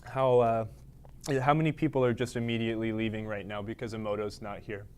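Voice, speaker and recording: A man's voice: on the low side, fairly even intonation, fast, clear, resonant tone. A man hosting a casual live stream, rambling and joking at his own expense while he fiddles with the camera and lights in a studio space at his workplace. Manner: rambling, self-deprecating, talking to himself while adjusting the camera. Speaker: livestream host.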